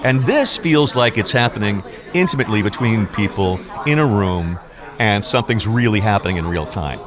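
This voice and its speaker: An older male actor talking casually in an interview at a convention, halting and reflective in short phrases. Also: lowish voice, lively intonation. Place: busy convention. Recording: busy convention crowd noise. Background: crowd chatter.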